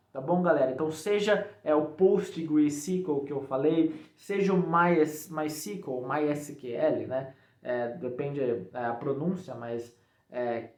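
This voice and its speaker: With a fairly high but darkish voice, a programming tutorial creator explains things casually in a Brazilian accent. He often checks in with viewers through short tags, and the untreated room leaves an echo.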